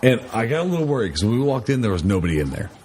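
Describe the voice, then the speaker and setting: A man's voice: fairly low pitch, sing-song, very fast, darkish tone, slight background noise. A man co-hosting a casual podcast, grumbling sarcastically and swearing often. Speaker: podcast co-host. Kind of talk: casual chat.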